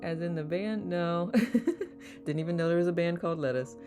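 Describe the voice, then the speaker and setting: Soft guitar plays behind a meditation livestreamer who talks at a moderate pace in a mid-range voice. Relaxed and quick to laugh, the host welcomes viewers by name and reads out what they've commented.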